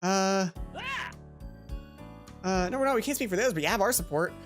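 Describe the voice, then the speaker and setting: A woman hosts a let's play video, offering casual game commentary and reading dialogue aloud over game music. She's rambling, self-deprecating and quick to exclaim, with an animated, mid-range voice at normal speed.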